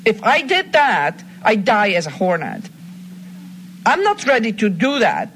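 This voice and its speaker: A woman's voice: mid-range voice, huge pitch swings, measured pace, fairly bright tone, a little hiss or hum. A woman playing a lovesick, menacing female hornet in a scripted drama, taunting like a foiled villain. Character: female murder hornet, reincarnated obsessive jilted lover, menacing.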